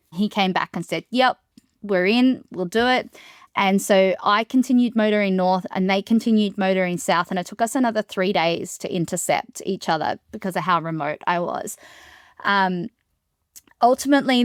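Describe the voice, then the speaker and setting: A woman who is a solo sailor, telling the story of her ordeal in an interview in a steady, matter-of-fact way. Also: on the low side, smooth, no echo, clean studio sound.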